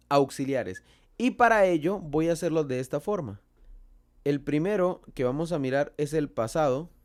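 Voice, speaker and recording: Colombian guy teaching a class, slow and careful, slightly high voice, quizzes himself as he goes. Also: darkish tone. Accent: Colombian Spanish. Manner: slow and deliberate, asks and answers his own questions. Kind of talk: explaining a lesson.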